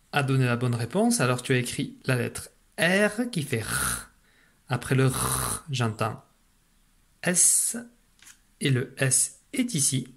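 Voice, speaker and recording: A man teaching a remote lesson to young children, patient and slow, repeating syllables for a dictation. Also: mid-range voice, vocal fry, fairly bright tone. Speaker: primary school teacher.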